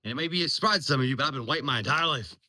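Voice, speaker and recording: Here a mid-range, animated male voice comes out rapid-fire, bright and forceful. He is a military veteran vlogger from Virginia, US, in his 40s and nearly fifty, delivering an unscripted monologue that's blunt, profane and rambling, peppered with ums.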